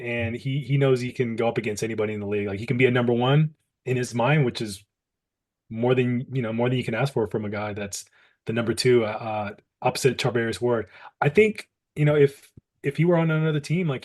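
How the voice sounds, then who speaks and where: A man's voice: medium pitch, a little mellow. A man co-hosting a sports podcast, explaining plays and news and clarifying details for listeners. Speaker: podcast co-host. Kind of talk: casual sports chat.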